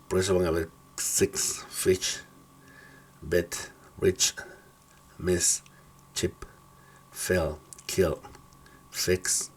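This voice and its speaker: A man's voice: low voice, darkish tone, breathy edge. A man teaching English pronunciation, patiently explaining rules and reading out word lists, checking in often with short questions.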